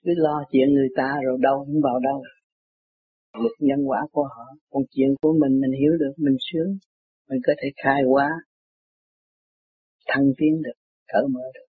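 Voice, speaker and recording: An older man telling rambling stories in a casual, animated way, laughing often. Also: fairly quick, pauses often, breathy edge, dry recording. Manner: animated, laughs often, jumps high when quoting others. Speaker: self-styled teacher telling anecdotes. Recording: tinny phone-like dry recording.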